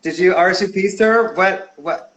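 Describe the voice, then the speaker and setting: A man's voice: high-pitched, moderate pace, fairly bright tone. Chatty playful male host. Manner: chatty, playful, filler-heavy. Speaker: podcast host. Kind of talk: casual video-call interview.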